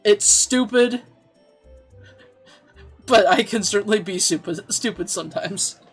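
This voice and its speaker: With faint music behind him, a man chats loosely from home as he plays a game and reads chat. He's quick to laugh and to put himself down, and his high voice moves at a measured pace.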